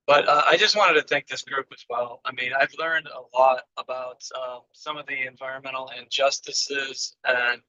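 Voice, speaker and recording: A man calling in from his car over speakerphone, giving halting thank-you remarks as a port representative at a community meeting, with frequent ums and restarts. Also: medium pitch, fairly even intonation, bright, forceful tone, dry recording. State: calling in while driving. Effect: call from a car over speakerphone. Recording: dull lo-fi call audio from a car.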